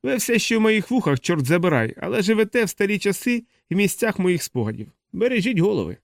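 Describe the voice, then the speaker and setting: A man's voice: sits high, big pitch swings, fast talker, creaky, no echo, voice pushed up, exaggerated voice. A cranky, stubborn old great-grandfather, as a male narrator puts him on in an audiobook. His voice sits raised above the reader's own register and he grumbles and curses through the lines. The recording is close and dry. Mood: scolding. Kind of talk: audiobook character voice.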